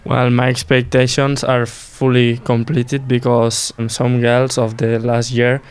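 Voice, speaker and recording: A young man from Catalonia, an exchange student guest speaking simple, halting English. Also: mid-range voice, completely flat delivery, clear, resonant tone. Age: young adult.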